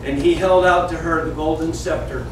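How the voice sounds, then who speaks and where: His voice fairly high and his intonation fairly even, a man in his fifties tells children a Bible story at a moderate pace, theatrically voicing the characters in simple language. The setting is a small indoor classroom, captured by a distant camera several metres away with roomy echo and background noise.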